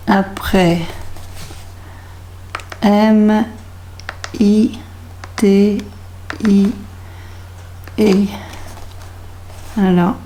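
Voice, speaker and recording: A woman's voice: mid-range voice, warm tone, slight background noise. A French woman, a craft vlogger, thinking aloud as she tries out a label maker, hesitant and puzzled, muttering to herself. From France. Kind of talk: thinking aloud while trying a device.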